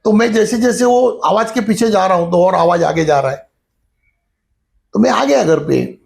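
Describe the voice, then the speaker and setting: A middle-aged spiritual teacher gives a casual lesson like an informal chat, explaining step by step and easing into a story from his childhood. His gravelly, crackling voice sits a little high for a man, animated with a darkish tone at a moderate pace. He keeps repeating the filler "jo hai na."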